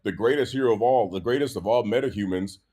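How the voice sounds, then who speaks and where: Husky guy on a podcast, cussing and ranting, keeps restarting his sentences. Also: on the low side, quick pace. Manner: animated, profane ranting with frequent restarts. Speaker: podcast co-host. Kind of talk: casual chat.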